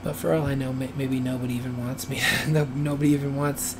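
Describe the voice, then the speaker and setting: The speaker, an animator streaming as he works, has a mid-range, raspy, dry voice and keeps his tone level. He wanders through casual, hesitant musings full of pauses, over a noisy hum from the room.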